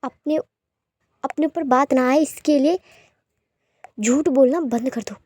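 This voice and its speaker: A woman voicing an angry young man scolding and shouting at his beloved in a storybook reading. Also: sits high, slow, no room sound, clean studio sound.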